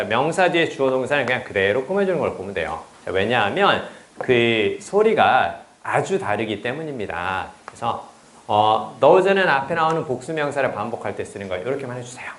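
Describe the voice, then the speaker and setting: A man teaching English in a casual lecture, chatty and blunt, often swearing and checking with students. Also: medium pitch. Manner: chatty, blunt and profane, asks students "right?". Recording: roomy echo.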